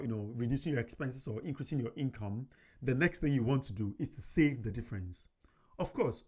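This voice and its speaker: A man's voice: medium pitch, a little mellow. A man hosting a personal finance video, talking casually to camera with frequent "you know" fillers. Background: faint background music.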